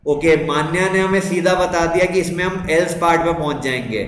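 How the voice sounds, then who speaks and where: A man's voice: on the high side, a little fast, fairly bright tone. A young man with an Indian English accent teaching a live online computer class, repeating questions and praising students' answers. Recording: echoey room with faint noise.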